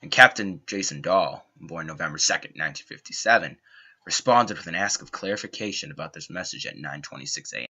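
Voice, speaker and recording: A young man reading a scripted documentary narration in an earnest, dramatic way, with slow emphatic phrasing. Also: sits low, lively intonation, bright, forceful tone, husky. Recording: dull lo-fi home mic.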